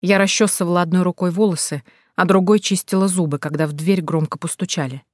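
A woman reads a first-person story aloud with a tense, dramatic delivery. Her voice sits on the low side, and the recording is dry and close with no room sound. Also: steady tone, fast talker, a little mellow, dry recording.

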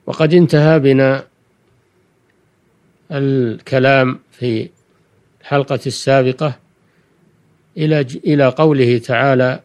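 An older man, a religious scholar, giving a Quranic lesson in formal Standard Arabic, deliberate and didactic, repeating key phrases. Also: medium pitch, steady tone, darkish tone. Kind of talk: Quranic exegesis lecture for listeners.

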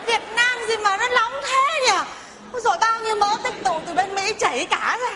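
A vain, loud bride played by a woman complains in a high, shrill voice. She is heard on a live stage, with a crowd and noise behind her. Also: a little fast. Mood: brash. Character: brash, vain returnee bride from abroad. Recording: live audience, hall noise.

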